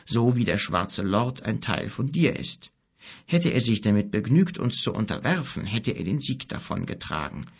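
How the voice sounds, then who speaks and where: A solemn old wizard from a storybook, speaking slowly and gravely in a low, husky voice, as a male narrator puts him on. He sounds calm, patient and deliberate. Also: heavily acted. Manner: slow, solemn, measured.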